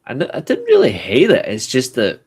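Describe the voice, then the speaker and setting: A man's voice: medium pitch, huge pitch swings, fairly quick, breathy edge. A man, chatting casually on a podcast in a blunt, joking way and swearing freely. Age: 20s. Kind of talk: casual chat.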